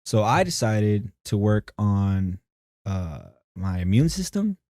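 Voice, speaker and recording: A man's voice: on the low side, very animated, takes it slowly, dark tone, no echo, clean studio sound. A man in his thirties, a podcast guest, chatting casually in a rambling, profane way full of filler words. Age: 30s. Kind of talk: casual chat.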